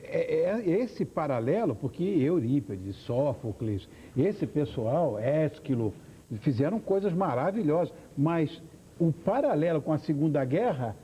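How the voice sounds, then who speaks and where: A man's voice: on the high side, very animated, measured pace, dark tone, a little hiss or hum, rough recording. A man hosting a TV talk show, introducing guests with effusive praise. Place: TV studio.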